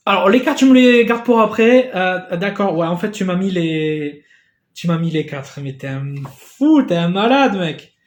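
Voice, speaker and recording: A man in a casual unboxing vlog who gets excitable, swears casually and thanks the sender again and again. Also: sits high, unhurried, reverberant. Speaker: YouTuber opening a gift parcel.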